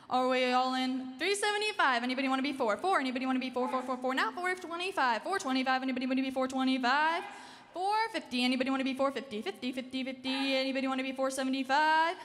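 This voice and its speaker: Young woman's high, rapid auctioneer chant. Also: fairly even intonation, a bit bright. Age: teenager. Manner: rapid repetitive rolling auctioneer chant with numbers. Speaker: junior auctioneer contestant. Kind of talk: auctioneer's bid-calling chant. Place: large ballroom, on stage. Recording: hall reverb, noisy ballroom stage.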